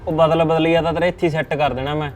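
A man's voice: on the high side, steady tone, rapid-fire, faint music behind, close to an everyday voice. A man playing a bullying, threatening husband. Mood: angry, threatening. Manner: blustering, threatening. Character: threatening, drinking husband who bullies his wife. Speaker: actor in a short film.

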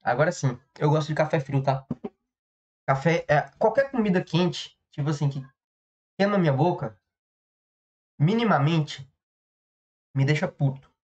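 A man's voice: on the high side, animated, measured pace, long pauses. A Brazilian man hosts a podcast alone in a rambling comedic monologue. He swears freely, strays off on tangents and stops himself in the middle of sentences. The sound is a little dull and lo-fi. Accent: Brazilian Portuguese. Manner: profane, rambling, self-interrupting. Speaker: podcast host.

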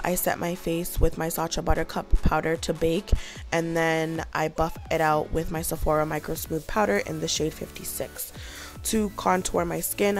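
Lower-voiced young woman, chatty tutorial narration. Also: creaky. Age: young adult. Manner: chatty, informal. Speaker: beauty vlogger. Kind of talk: casual makeup tutorial narration.

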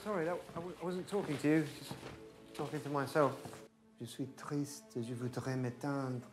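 Guy doing nervy young english bloke, stammers a lot, kinda high voice. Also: steady tone, normal speed, music in the background, natural voice. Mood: awkward. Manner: flustered, stammering, talks to himself. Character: nervous, rambling English museum worker, man.

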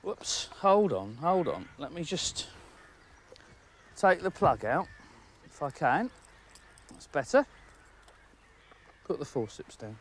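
Middle-aged male angling presenter, slightly high voice, excitable, chats to the fish, laughs a lot, recorded outdoors by a lake on a lapel mic. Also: takes it slowly, pauses often, slightly rough. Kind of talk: outdoor fishing commentary. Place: outdoors on a lakeside jetty.

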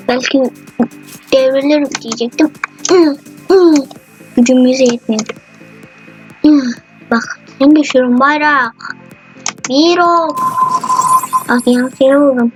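A woman giving chatty, excitable commentary while playing a video game. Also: high voice, low-quality recording. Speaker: gamer. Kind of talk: gameplay commentary. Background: faint game music.

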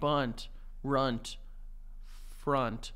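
A man's voice: mid-range voice, steady tone, extremely slow, fairly bright tone, smooth. A young man co-hosting a podcast, teasing and crude in casual banter, laughing often. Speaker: podcast co-host.

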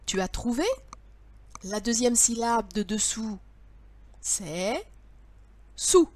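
A woman's voice: a little high, steady tone, takes it slowly, a little mellow, a little hiss or hum. A woman teacher leading young children through word riddles, patient and sing-song, speaking straight to the child.

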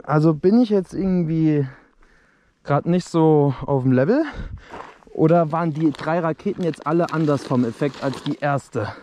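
A young man hosting a fireworks video reviews the show outdoors at dusk on open dirt ground, chatting directly to viewers through an action camera. His voice is warm, on the high side, and moves at normal speed.

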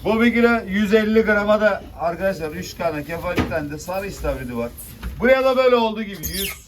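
Casting: male auctioneer, high voice, chanting bids to buyers, picked up from a distance. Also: expressive, fast talker. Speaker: fish auctioneer. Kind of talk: auctioneer calling out bids to a crowd. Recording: distant noisy mic with clicks, birds.

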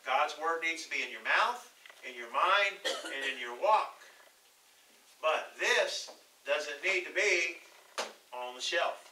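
A man with a Texan accent preaching a sermon as pastor, folksy in manner, reading scripture slowly and drawing answers from the congregation. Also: fairly high pitch, expressive, sharp tone, slight background noise. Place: church sanctuary. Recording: echoey church from far off.

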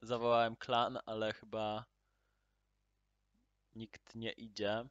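Slow, low-voiced man commenting on a game. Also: no echo, muffled recording. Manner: loud upbeat greetings, then mutters quietly while playing; excited exclamations at in-game drops. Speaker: gaming channel host. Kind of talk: casual gameplay commentary.

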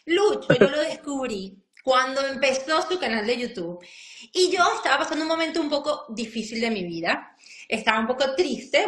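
A woman's voice: on the high side, a bit bright. A woman chatting casually on a live stream over a video call, effusive and gushing.

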